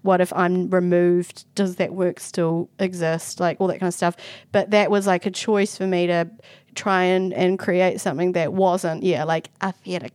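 A woman's voice: fairly low pitch, flat delivery, a little slow, a little mellow, no room sound. A woman, a theatre director in casual conversation, thinking aloud and searching for words with many fillers.

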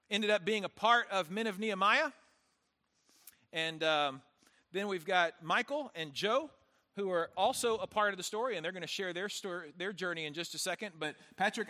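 Male preacher, forceful and fairly high-pitched, emphatic sermon with dramatic pauses, big reverberant room. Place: large church hall, on stage. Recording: reverberant large hall.

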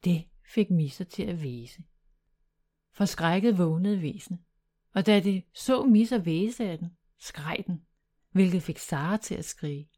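A woman reading a children's bedtime story aloud in a calm, even storytelling manner. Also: on the low side.

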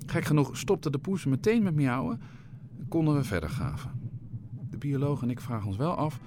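A male narrator reading a storybook aloud in a playful, expressive way. His pitch rises and falls a lot, and faint noise sits under the recording. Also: moderate pace.

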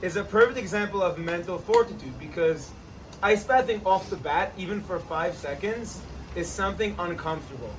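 A man's voice: high voice, moderate pace, a little hiss or hum. Guy hosting outdoors next to an ice bath, joking and emphatic, kinda far from the mic. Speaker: host, trainer. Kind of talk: casual chat and coaching advice.

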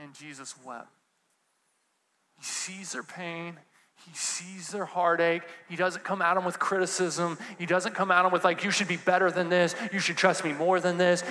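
A man preaching a sermon in a casual, conversational way, dropping to a hush and then rising to fervent emphasis. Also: high-pitched, little pitch movement, moderate pace. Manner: swings from hushed to fervent emphasis. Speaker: pastor. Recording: long hall reverb.

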